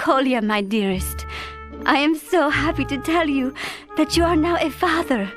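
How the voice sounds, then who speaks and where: A young Soviet mother writing to her beloved husband in a war game story. Her voice is fairly high and full of tender affection and quiet pride, with clear music underneath. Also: moderate pace. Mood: tender, loving. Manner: tender, affectionate letter reading. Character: young Soviet wife and new mother, loving and proud. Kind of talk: dramatic letter voice-over in a war game.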